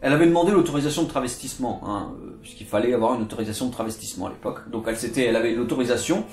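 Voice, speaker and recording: This literature video host talks rapid-fire in a darkish, mid-range voice, delivering a chatty history lesson loaded with jokes and digressions in a casual storytelling-lecture style. Faint guitar music plays in the echoey room.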